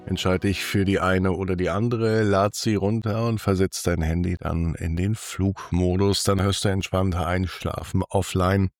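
A man narrating a guided sleep meditation as host, in a soothing, hushed manner with long pauses. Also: low voice, dry recording, studio quality.

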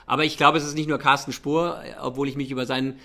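A man's voice: mid-range voice, level tone, fast talker, pushed and bright. A man who speaks German with a slight American accent, answering interview questions as an executive in a hesitant way, dropping in English business terms. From Germany and the United States. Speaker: airline chief executive.

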